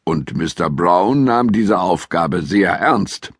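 A man narrating a children's audiobook in a measured, expressive storytelling manner. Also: low-pitched, slightly rough, no room sound, studio quality.

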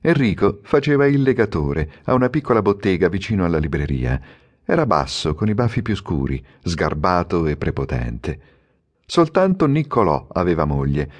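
Guy reading an audiobook, lowish voice, pitch moves around a lot, measured. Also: big pitch swings. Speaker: audiobook narrator. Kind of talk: scripted narration.

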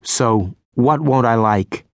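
Deadpan tough female cop played by a male narrator, a few steps above his own pitch, close and dry. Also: slow pace, dry recording. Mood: wry. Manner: blunt and deadpan. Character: sharp, unimpressed young woman cop. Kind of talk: audiobook character voice.

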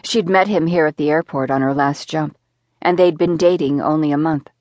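A woman narrating a thriller audiobook in a steady, measured way. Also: low-pitched, no room sound, studio quality.

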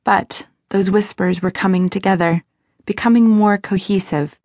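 A woman reading a first-person novel aloud as an audiobook narrator, in a measured, expressive way. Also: medium pitch, dry recording, studio quality.

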